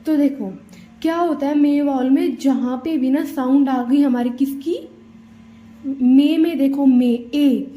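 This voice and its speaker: A woman teaches shorthand vowels step by step, patiently explaining each rule and checking in often with frequent "theek hai" and "dekho." Her voice sits high but dark-toned, steady and slow, on a dull lo-fi recording with roomy echo.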